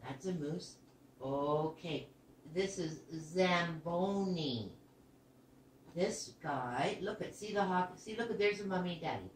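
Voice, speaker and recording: A woman's voice: on the low side, expressive, slow pace. A sweet older woman, a grandmother, talking playfully and encouragingly as she reads and counts with a toddler. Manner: sweet, playful baby-talk encouragement with gasps of wonder. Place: living room, indoors. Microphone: camera a few meters away. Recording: roomy, distant microphone, some background noise.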